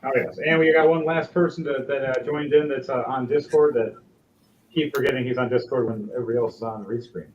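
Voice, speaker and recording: A man's voice: mid-range voice, steady tone, a little fast, darkish tone. A man hosting and running a tabletop role-playing game as game master, talking in a loose, rambling way with fillers. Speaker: game master and head host. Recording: roomy, dull, faint hiss.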